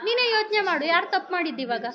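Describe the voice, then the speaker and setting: A woman's voice: very high voice, very animated, rapid-fire, sharp tone. A woman, a mother, scolding her daughter in a home vlog with insistent, repeated questions.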